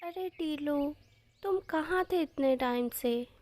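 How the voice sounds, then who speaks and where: A woman's voice: high voice, slow, darkish tone. A woman voicing a worried old grandmother animal in a cartoon story, fretful and scolding.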